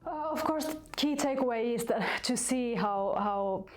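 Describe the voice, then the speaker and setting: A woman's voice: on the high side, unhurried. A woman working in HR, speaking hesitantly in a corporate interview with fillers and restarts. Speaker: HR staff. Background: soft music.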